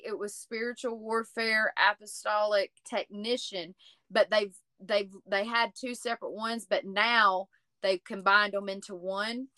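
Bright, slightly high female podcast co-host, an animated storyteller. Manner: animated, tells stories. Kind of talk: casual storytelling.

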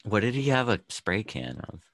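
A man's voice: fairly low pitch, very animated, normal speed, fairly bright tone, dry recording. A man co-hosting a podcast, talking in a laid-back way full of fillers and trailing thoughts. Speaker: podcast co-host. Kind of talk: casual chat.

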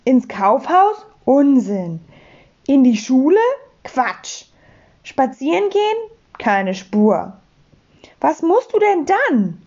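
A woman voicing a cheeky, bristly, childlike creature that is greedy and playful, asking quick pert questions. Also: high-pitched, very animated, darkish tone, muffled recording, full character voice.

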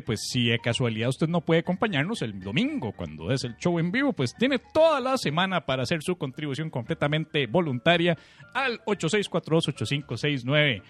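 A man's voice: fairly high pitch, fairly bright tone. A Costa Rican man in his late thirties, hosting a comedy podcast, joking and laughing a lot. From Costa Rica. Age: 30s. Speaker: podcast host. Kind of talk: comedic casual chat.

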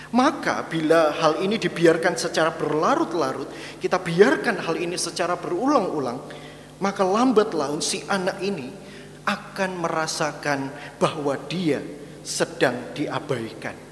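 A man giving a sermon-style teaching talk, conversational, often turning to address his listeners directly. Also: sits high. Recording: echoey hall with faint hum.

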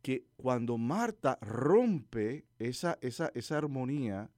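A male preacher who delivers his sermon like a lively conversation. His pitch rises and falls with a lot of movement, and he keeps turning to the listener with questions. The recording is close and dry, with hardly any room sound. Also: slow pace, dry recording. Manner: animated storytelling preacher, asks listeners questions.

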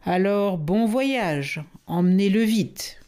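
A woman's voice: mid-range voice, animated, takes it slowly, dark tone. A woman voicing a short-tempered male elephant general in a storybook, barking scolding orders. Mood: gruff.

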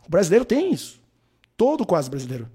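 A man from Brazil giving blunt, animated opinions straight to the listener, often mimicking the people he quotes. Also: high voice, quick pace, slightly rough. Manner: animated, blunt, addresses the listener as "colega" and "meu filho"; acts out quoted people in mocking voices. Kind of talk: opinionated talk to camera.

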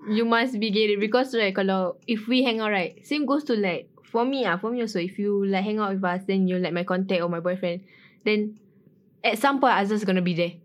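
A woman's voice: mid-range voice, fairly quick. Slangy Singaporean woman chatting bluntly. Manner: code-switching, slangy, blunt. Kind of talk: casual group chat.

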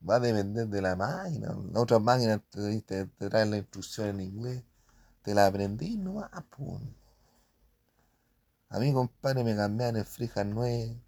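A man's voice: on the low side, a little slow, creaky, darkish tone. A man with a Chilean accent rambling casually about print shop work, full of slang and spoken sound effects.

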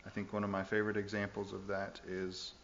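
A male pastor preaching in a lowish voice, earnest and emphatic. He presses home his points with direct questions to the congregation. The recording is dull and lo-fi, with a faint hiss. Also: completely flat delivery, a little fast, a bit bright. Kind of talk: sermon.

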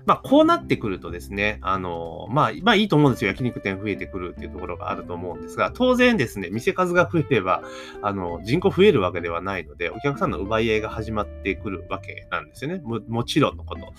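A man's voice: fairly low pitch, wildly swooping pitch, fast talker, a bit bright, soft background music. A man hosting a solo podcast, talking casually and thinking aloud, with plenty of fillers and rhetorical questions. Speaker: podcast host.

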